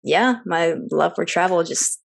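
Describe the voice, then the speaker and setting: A woman's voice: on the low side, unhurried, creaky. Chatty woman, laughing easily. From Seattle, United States. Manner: chatty, laughs often, many fillers. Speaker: podcast co-host and guest. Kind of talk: casual interview chat.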